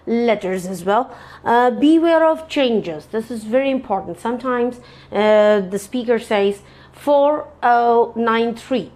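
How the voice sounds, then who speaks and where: A woman gives a lecture as an English test teacher, speaking slowly and a little higher than most. She fills pauses with "uh" and "um" and corrects herself often. She repeats her key points to make them stick. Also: a little mellow. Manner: many fillers and self-corrections.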